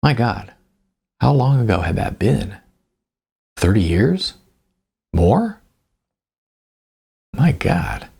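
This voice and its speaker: A man with a husky, gravelly voice narrates his own story in the first person from a script, placing deliberate emphasis on his phrases. His pitch leans low but swings widely, and the sound is a touch mellow.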